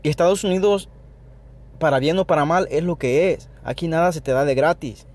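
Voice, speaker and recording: Salvadoran-accented man hosting a podcast, slightly high voice, opinionated and off the cuff. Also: a little fast, darkish tone. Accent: Salvadoran Spanish. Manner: earnest, opinionated, frequent restarts and "ok" check-ins. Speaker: podcast host. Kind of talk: spontaneous solo podcast monologue.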